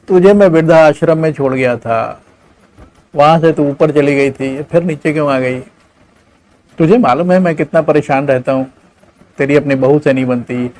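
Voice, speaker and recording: A man voicing a selfish, impatient grown son who talks in loud, pleading excuses. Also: a little high, normal speed, lightly acted.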